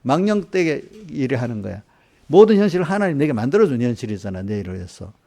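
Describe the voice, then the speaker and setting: Korean church pastor, male, gravelly and mellow, chatty sermon delivery that calls on listeners and acts out quotes. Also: medium pitch, sing-song, fast. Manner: conversational preaching, quizzing congregation by name; acts out voices in quoted asides. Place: church sanctuary.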